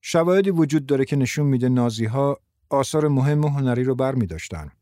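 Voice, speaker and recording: A man voicing a patient male investigator in an audiobook, explaining things in a calm, measured way. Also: medium pitch, no room sound, studio quality, close to an everyday voice. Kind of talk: audiobook character voice.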